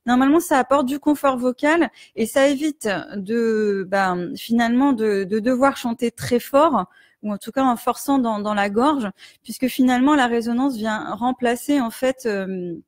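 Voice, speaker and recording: A woman teaching singing in a live stream, explaining resonance gently with many fillers and breaking into hummed and sung demonstrations. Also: on the high side, moderate pace, no echo, studio quality. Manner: demonstrates hums, vowels and sung exercises. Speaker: vocal coach.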